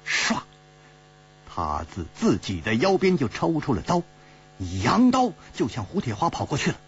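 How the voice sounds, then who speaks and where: Raspy, animated male pingshu storyteller. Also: on the high side, moderate pace. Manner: dramatic, expressive storyteller's delivery. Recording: dull lo-fi recording with mains hum.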